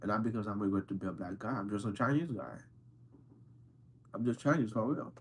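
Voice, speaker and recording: On a casual livestream, a man answers his viewers' questions fairly quickly in a voice on the low side. He's playful and teasing, insisting on points by saying them again, with slight hiss or hum underneath.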